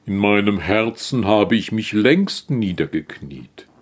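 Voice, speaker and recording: A man's voice: fairly low pitch, expressive, slow pace, slightly rough, exaggerated voice. A man doing a proud, stately camel. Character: proud, dignified male camel carrying kings.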